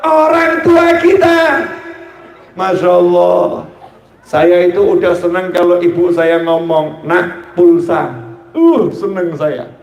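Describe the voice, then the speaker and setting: A man preaching a lively sermon to a gathering, joking and acting out dialogue. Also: sits high, takes it slowly, echoey room. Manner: joking, acts out dialogue in quoted voices. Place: religious gathering hall.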